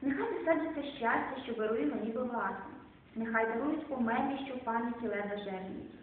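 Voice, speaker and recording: A woman's voice: fairly high pitch, a little hiss or hum. Woman reciting poems in an echoey hall. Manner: slow, measured poetic recitation with quiet endings. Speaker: poet reading at a club evening. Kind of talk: poetry reading. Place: club or small hall. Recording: distant, echoey phone-quality room recording.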